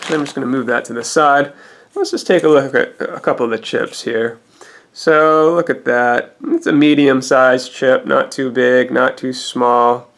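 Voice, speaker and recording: Man, gravelly fry, mid-pitched, casual food reviewer, hesitant rambling delivery, painstakingly detailed. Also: fairly even intonation, a little slow, fairly bright tone.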